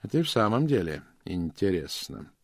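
A shrewd middle-aged detective, voiced by a male audiobook reader, speaking in a calm, measured, soft way. The voice is deep and gravelly with a lively melody. The recording is close and dry. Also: no echo, heavily acted. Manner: calm, measured, softly spoken. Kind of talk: audiobook reading.

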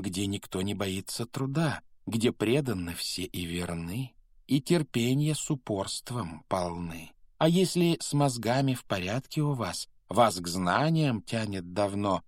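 An old, patched, wise magic hat, as a male narrator chants it, reciting its verses slowly and rhythmically in a low, dark voice. The storybook reading is dry and close. It keeps a steady, solemn lilt. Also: dry recording. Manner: sung-spoken, slow and rhythmic.

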